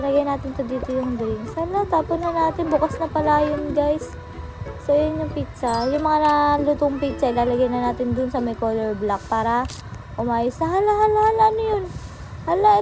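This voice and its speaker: A woman's voice: high voice, darkish tone. A woman giving chatty commentary on a video game, calling out to her viewers and exclaiming often. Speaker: gaming vlogger. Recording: music playing behind the voice.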